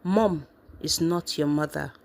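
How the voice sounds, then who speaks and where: A woman reading a gentle, soft-spoken older brother. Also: low-pitched, slow, gravelly, full character voice.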